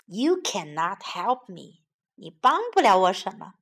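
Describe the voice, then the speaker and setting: A woman's voice: medium pitch, big pitch swings, measured pace, pitched below the performer's own voice, full character voice. A woman doing a big roaring storybook lion. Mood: scornful. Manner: roaring, loud cries. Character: great big lion, proud then desperate.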